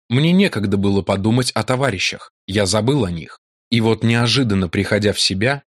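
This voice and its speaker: A man narrating a novel in a measured, dramatic audiobook reading. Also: fairly low pitch, dry recording, clean studio sound.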